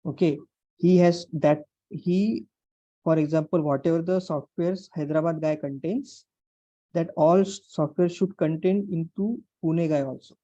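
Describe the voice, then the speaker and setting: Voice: medium pitch, steady tone, unhurried, warm tone, no echo, muffled recording. An instructor with an Indian English accent teaching an online class step by step, repeating phrases and checking understanding with questions. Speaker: programming instructor. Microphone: online class call microphone.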